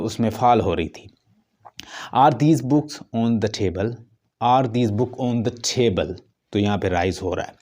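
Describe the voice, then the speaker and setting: A man gives a lesson in an unhurried, deliberate way. His voice sits fairly low and sounds mellow and warm. He repeats short example sentences and leans hard on the stressed words. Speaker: English teacher. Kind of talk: lecture explaining intonation.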